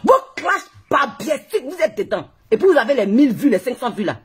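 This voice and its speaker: Animated Ivorian woman ranting on a live stream. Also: on the high side, a little fast, a little hiss or hum. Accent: Ivorian French. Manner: animated, laughing, mocking, scolding. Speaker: Facebook live blogger. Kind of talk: heated live-stream rant. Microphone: phone on a live stream.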